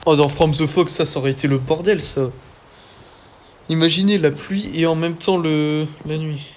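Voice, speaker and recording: A young man giving casual let's-play commentary, excitable and swearing often as he talks to his viewers. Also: fairly high pitch, normal speed. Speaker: gaming YouTuber.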